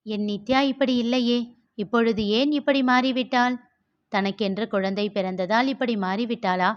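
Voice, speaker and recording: A woman's voice: a little high, steady tone, moderate pace, close to an everyday voice. A woman voicing a hurt, brooding young husband who asks troubled questions in a story reading. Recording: dull lo-fi.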